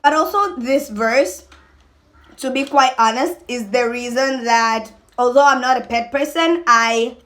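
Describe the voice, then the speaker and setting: A young adult woman makes mukbang content, chatting to camera in a casual, animated, emphatic way and often trailing off mid-thought. Her voice is on the high side and a little slow.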